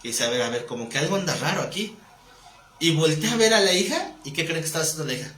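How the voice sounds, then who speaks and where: A man with a Mexican accent teaching a live Bible class to a group, animated and joking, acting out voices as he tells stories. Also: a little high, quick pace. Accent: Mexican Spanish. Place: room with a live audience. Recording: echoey room, faint noise.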